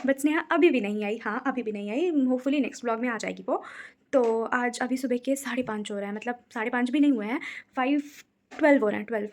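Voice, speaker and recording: A young woman chatting softly in a casual travel vlog from a crowded train, repeating herself often. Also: fairly high pitch, fast talker, dry recording. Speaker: vlogger. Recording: loud train and traffic noise behind.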